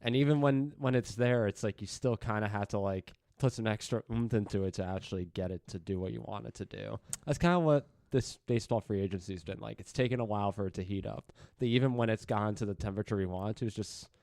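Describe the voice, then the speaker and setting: A man's voice: lowish voice, quick pace, vocal fry, few pauses, darkish tone, dry recording, studio quality. A man co-hosting a casual podcast on a headset in an apartment, wry and joking, given to long analogies. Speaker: podcast co-host. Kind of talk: casual chat.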